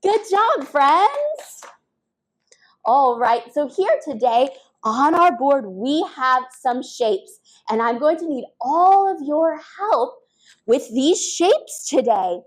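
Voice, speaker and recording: A woman's voice: high-pitched, expressive, slow, poor audio. A young woman leading a children's storytime as a librarian, talking in an exaggerated, encouraging sing-song to small children.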